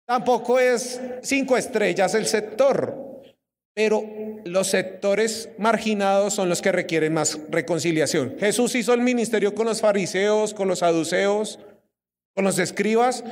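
Young man, Colombian accent, preacher, lively sermon, asks questions, long hall reverb. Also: sits high. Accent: Colombian Spanish.

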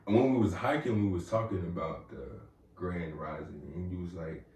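A podcast host chats casually with his guest, loose, slangy, and joking, with a low, darkish voice at normal speed. The recording sounds roomy, with a distant mic and faint ambience.

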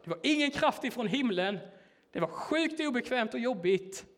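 A man with a notably high voice gives a sermon in a church. He tells a personal story in a relaxed, conversational way, hesitating often and filling pauses as he goes. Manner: casual, hesitant, filler-heavy storytelling. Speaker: church worker preaching.

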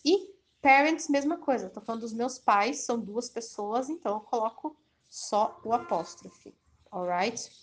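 A woman teaching an English grammar lesson, reading example sentences slowly and then explaining them quickly. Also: on the high side. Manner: switches between slow careful English examples and quick explanations.

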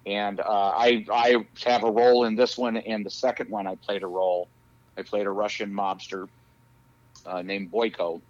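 A man with a fairly low, even voice speaks at a moderate pace as a podcast guest on a phone call. He rambles casually with lots of fillers and laughs, and the lo-fi audio is muffled with no room sound.

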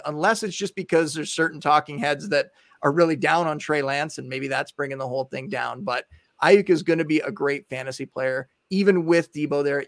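A man's voice: fairly high pitch, no echo. Upbeat man with a dry close voice. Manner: upbeat, promotional, talks in quick lists. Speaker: guest fantasy football analyst. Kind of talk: casual podcast interview.

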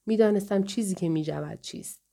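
A woman reading a novel aloud in the first person, calm, measured and somber. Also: mid-range voice, creaky. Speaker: audiobook narrator.

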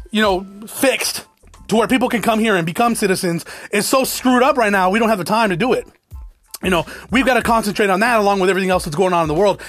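An American vlogger rants casually to his camera at a quick clip, his voice fairly high for a man and a bit bright. He swears freely, restarts sentences and keeps circling back to the same points, in close, dry sound with no echo.

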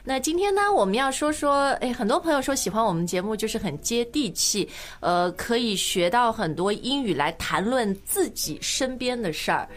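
A woman from Shanghai hosting a bilingual language-lesson podcast, chatty and quick to laugh as she switches between two languages. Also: a little high, expressive. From Shanghai, China. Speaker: podcast host, English teacher.

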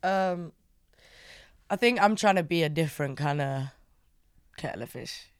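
A young woman chats casually as an interviewed artist, in an English urban roadman accent full of street slang. Her voice is clean and smooth, pitched on the low side for a woman, and recorded dry and close. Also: animated, a little slow, no room sound. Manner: slangy roadman-style speech. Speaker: music artist being interviewed.

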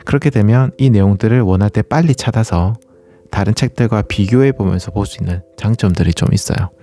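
Speaking fairly quickly in a mellow, fairly low voice, the host of a running channel explains things to his listeners and poses questions to them. His tone is casual and polite.

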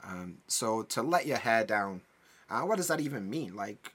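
A man's voice: fairly low pitch, sing-song, normal speed, a bit bright, breathy edge. A man with a Yorkshire accent and glottal stops, chatting casually as he hosts an English lesson. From Yorkshire, northern England. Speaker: English teacher, podcast host. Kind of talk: casual educational chat.

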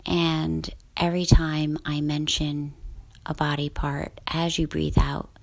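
Slow whispering woman, low gravelly voice. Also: little pitch movement. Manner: soft, slow, soothing whispered delivery. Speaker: guided relaxation host. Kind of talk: guided sleep meditation.

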